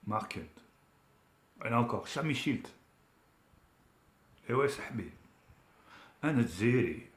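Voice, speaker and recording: A man of Algerian origin rants casually to camera in an online video, his medium-pitched voice slow and lively in intonation, with a reverberant sound. He's emphatic, colloquial and admonishing, as though setting someone straight.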